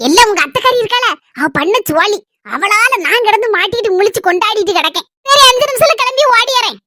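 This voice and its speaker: A woman's voice: very high-pitched, expressive, fast talker, sharp tone, no echo, studio quality, exaggerated voice. A woman with a Kanyakumari Tamil accent playing a harried housewife who rants in long grumbling runs in a family comedy skit. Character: harried housewife and mother, complaining.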